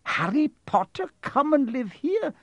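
Man voicing Professor McGonagall, high, indignant older witch. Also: animated, slow pace, no room sound. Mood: horrified, indignant. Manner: emphatic, indignant. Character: stern, agitated older woman professor, shocked and protesting. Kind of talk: audiobook character voice.

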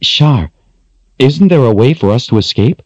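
A man's voice: medium pitch, expressive, unhurried, a little mellow, dry recording, lo-fi sound, pitched above the performer's own voice. A man voicing an earnest young man who speaks urgently.

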